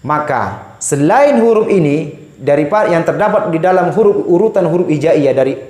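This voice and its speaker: A man teaching Quran recitation rules, speaking slowly and patiently, repeating each sound many times to show it. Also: fairly high pitch, lively intonation, a little mellow. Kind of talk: recorded tajwid lesson. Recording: echoey room.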